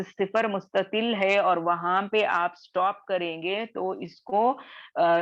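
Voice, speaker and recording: A woman teaching Quran recitation. She explains patiently and repeats herself, often checking in with "theek hai". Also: lowish voice. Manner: patient, repetitive, ends phrases with "theek hai". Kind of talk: online class explanation. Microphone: video call. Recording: dull lo-fi video call audio.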